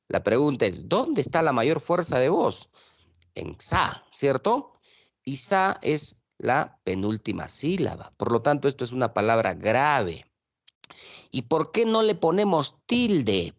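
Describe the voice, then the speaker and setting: Man teaching a class with lively pitch. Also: dry recording. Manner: explains rules slowly, checks with students constantly. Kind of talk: online class lecture.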